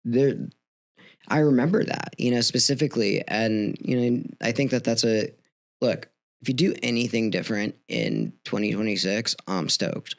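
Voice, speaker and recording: A man with a creaky vocal fry, chatting casually in a rambling, slangy way. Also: medium pitch, normal speed. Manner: rambling, hesitant, slangy storytelling. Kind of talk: casual chat.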